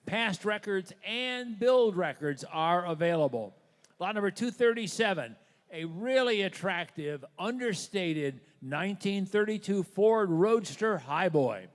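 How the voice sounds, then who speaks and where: A man's voice: high-pitched, expressive, unhurried. A man announcing auction lots in a descriptive, partly read presentation. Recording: long hall reverb.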